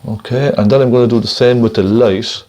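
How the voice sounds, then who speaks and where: A man teaches painting in a gentle, encouraging manner with a mid-pitched voice. He talks casually through each step, thinking aloud without any hurry, like an instructor at the easel. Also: steady tone, a little fast.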